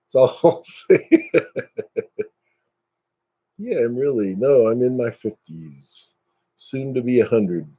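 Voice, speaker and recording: A man's voice: medium pitch, animated, slow, long pauses, warm tone, breathy edge. A man in his fifties hosting a casual live stream, chatting and joking at his own expense. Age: 50s. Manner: joking, self-mocking, chatty.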